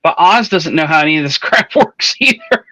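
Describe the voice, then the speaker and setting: A man's voice: fairly high pitch, very animated, normal speed, bright, forceful tone, husky, dry recording. A man in a casual online book club chat who explains things at length with musing asides. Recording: dull, lo-fi, dry.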